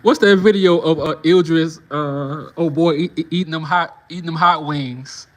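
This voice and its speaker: A man's voice: fairly high pitch, normal speed. A young man giving casual reaction commentary, slangy and mocking, laughing often as he acts out other people's reactions.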